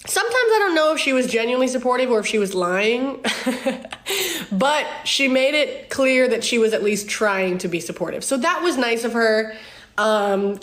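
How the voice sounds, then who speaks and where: Her voice sits at medium pitch with a fairly bright tone. A social media creator in her twenties, she casually answers viewer questions into her phone, open and talkative, with lots of ums and laughter.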